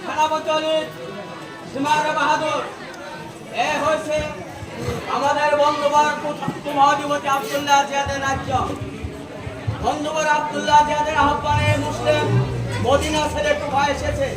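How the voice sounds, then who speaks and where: A man's voice: extremely high pitch, monotone, moderate pace, pauses often. A man playing a loyal royal minister and herald in folk theatre, with formal, declamatory delivery. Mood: formal, announcing. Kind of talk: folk jatra stage acting. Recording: echoey distant stage, music and crowd noise.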